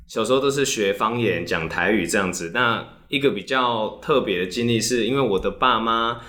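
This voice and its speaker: A man with a Taiwanese Mandarin accent in a casual podcast chat, lively and quick to react and tease. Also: lowish voice.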